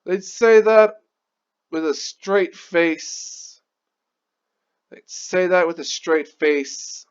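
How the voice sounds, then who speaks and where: A man's voice: sits high, extremely slow, smooth. A man giving an angry, sweary movie review, repeating himself as he rants. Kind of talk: ranting video review. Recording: dull lo-fi recording.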